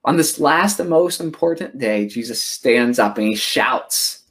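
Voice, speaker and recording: A man's voice: mid-range voice, lively intonation, measured pace, a bit bright. A man preaching a sermon, retelling scripture dramatically and repeating key phrases.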